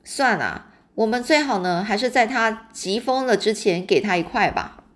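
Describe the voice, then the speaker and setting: A woman's voice: medium pitch, animated, moderate pace, close to an everyday voice. A woman reading aloud and voicing a kindly, teasing old grandfather in a storybook.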